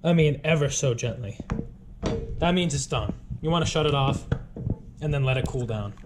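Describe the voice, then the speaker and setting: Filming on an action camera held close or at arm's length, this 20-something home cook from Rhode Island, USA chats through his vlog in his kitchen, emphatic and repetitive. His mid-range voice moves at a moderate pace with lively intonation; clicks sit in clear background noise.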